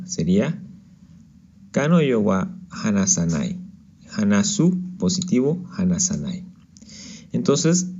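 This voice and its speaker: Male teacher, slow and patient, mellow tone, dull lo-fi recording. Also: fairly low pitch. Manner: patient, checks in with "¿ok?". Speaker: Japanese teacher. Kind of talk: slide-based language lesson.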